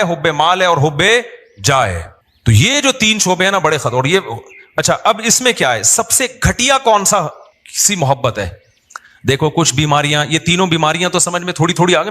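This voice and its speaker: Middle-aged male preacher, slightly high voice, chatty and humorous sermon. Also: a bit bright. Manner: conversational, humorous, acts out quoted people. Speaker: religious teacher, imam.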